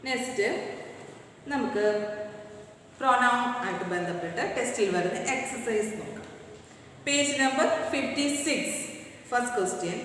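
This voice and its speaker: A woman teaching an English grammar class with a Malayali accent, reading English slowly and explaining quickly in Malayalam. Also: fairly high pitch, fairly bright tone, a little hiss or hum. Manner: slow deliberate English, rapid Malayalam explanations. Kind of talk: recorded online class lesson. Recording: echoey room, distant mic.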